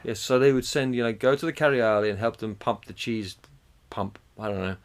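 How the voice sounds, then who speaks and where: A man's voice: mid-range voice, brisk, smooth. A man, co-hosting a casual podcast chat, swearing freely and chuckling as he talks. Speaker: podcast co-host.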